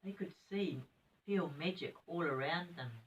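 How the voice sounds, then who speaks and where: A sweet older woman with a New Zealand accent, reading a children's story in a gentle, expressive grandmotherly way with chatty asides. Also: lowish voice, unhurried, far from the mic, highs cut off, slight background noise.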